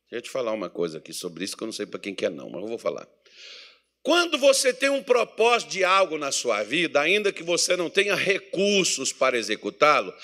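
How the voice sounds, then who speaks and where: A man with a Brazilian Portuguese accent from Mato Grosso, preaching a sermon in a church meeting hall and asking the congregation questions. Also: sits high. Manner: animated preaching with call-and-response questions to the congregation.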